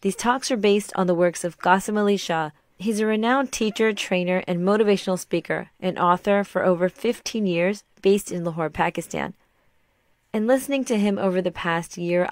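A middle-aged woman hosting a podcast. She reads a scripted talk in a calm, measured way, and a sore throat leaves her voice slightly raspy. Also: on the low side, no room sound, clean studio sound. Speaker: podcast host.

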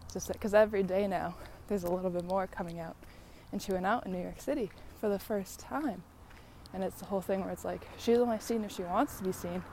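A young American woman muses aloud in a casual, rambling way, with clear noise of traffic around her. Her voice sits at a medium pitch, and her delivery is effusive and unscripted, as on an outdoor walk. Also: fast talker, dark tone. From San Diego, United States. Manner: musing and effusive, laughs easily. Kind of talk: casual rambling solo chat. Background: passing trucks and ambient noise.

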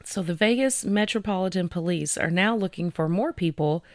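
A woman co-hosts a true-crime podcast, presenting cases in a casual, chatty, conversational way full of fillers and reading the details slowly. Her voice is on the low side, and the studio sound is clean with no echo.

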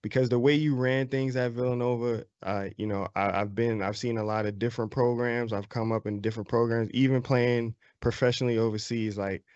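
A man who is a former player, hosting a podcast in a relaxed and casual conversation. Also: mid-range voice, fairly quick, hardly any pauses, no room sound, muffled recording.

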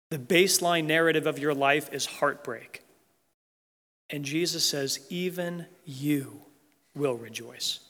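A man preaching an Easter sermon, earnest and emphatic, slowing down to stress key phrases. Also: on the high side, fairly bright tone. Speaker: pastor. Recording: long reverb of a large hall.

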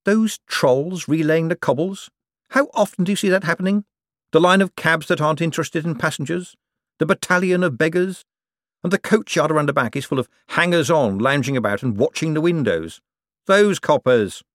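A man's voice: on the high side, moderate pace, fairly bright tone, dry recording, clean studio sound, pitched above the performer's own voice, close to an everyday voice. Man doing a glib, evasive young con man. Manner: hesitant, wry and evasive.

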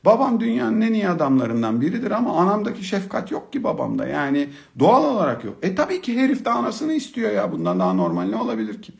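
Middle-aged male storyteller: gravelly voice, very animated delivery, humorous and colloquial, drops to hushed tones then gets excited. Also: high voice, quick pace, few pauses. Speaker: speaker telling a personal story about fatherhood. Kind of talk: storytelling talk.

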